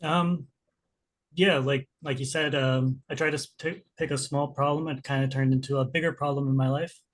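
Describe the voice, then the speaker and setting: A man with a medium-pitched voice reflects on his own experience as a trainee. He speaks casually and haltingly, working out his thoughts aloud. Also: fairly even intonation. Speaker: trainee who acted as the client.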